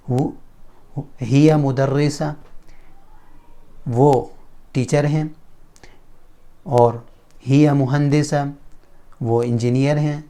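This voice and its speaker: A man with a Pakistani Urdu accent teaching a spoken Arabic lesson, slowly repeating example sentences and translating each one. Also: mid-range voice, warm tone. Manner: slow, deliberate drilling of example sentences with translations.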